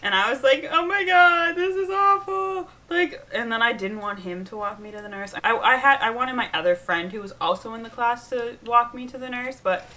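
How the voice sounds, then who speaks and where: Bright-voiced young woman telling stories. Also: fairly high pitch, fairly quick, hardly any pauses. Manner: lively, lots of "like", laughing through stories. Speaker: co-host, sister. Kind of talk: casual storytelling chat.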